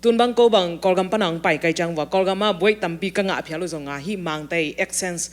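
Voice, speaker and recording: A woman in casual talk-show conversation, explaining things in a calm, measured way. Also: on the low side, slight background noise.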